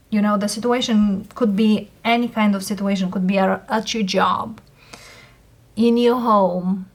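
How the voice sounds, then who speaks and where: A woman who is a non-native English speaker gives a casual tarot reading, speaking haltingly in short phrases with pauses. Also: medium pitch. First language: not English. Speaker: tarot reader host.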